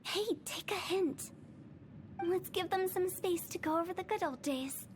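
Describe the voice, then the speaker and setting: A woman's voice: extremely high pitch, measured pace. A woman voicing a playful, mischievous young funeral parlor director who tells old tales in a game. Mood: teasing. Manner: teasing, then solemn storytelling. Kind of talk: game cutscene voice acting. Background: game music.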